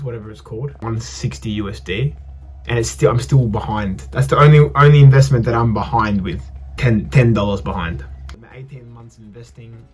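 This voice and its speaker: A man's voice: mid-range voice, a little mellow, breathy edge. A young adult man, talking through his investments in a loose, chatty vlog, often correcting himself mid-sentence. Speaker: investing vlogger. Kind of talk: casual vlog monologue.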